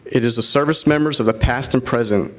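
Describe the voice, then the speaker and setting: A Floridian army officer in his thirties delivers an earnest ceremonial keynote speech, using frequent fillers. His voice is medium-pitched and a little fast.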